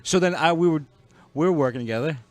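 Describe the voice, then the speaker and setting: A man's voice: a little high, fast talker, a little mellow, soft background music. A man in his thirties co-hosting a casual podcast chat, telling stories and laughing often. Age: 30s. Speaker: podcast co-host.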